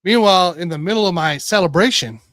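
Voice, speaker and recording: A man hosting a casual sports betting show, rambling and correcting himself as he tells excitable stories. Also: high voice, quick pace, no room sound, clean studio sound. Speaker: podcast host.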